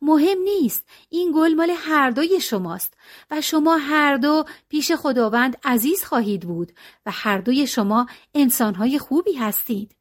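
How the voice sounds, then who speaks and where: A gentle, half-blind old monk, as a woman reader voices him in a storybook recording. The voice sits high and moves in lively swoops as he speaks kindly and calmly to the two girls.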